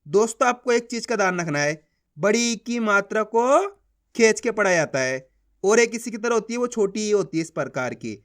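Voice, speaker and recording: A man teaching beginners to read, sounding out syllables slowly and asking the learner questions as he goes. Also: high-pitched, expressive, fairly bright tone. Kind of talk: Hindi reading lesson for beginners.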